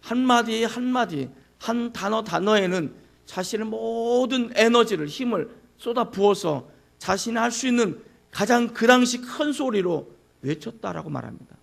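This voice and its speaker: A man's voice: very high-pitched, expressive, normal speed, gravelly. A male pastor preaching a sermon, who asks the congregation questions and acts out anguished cries.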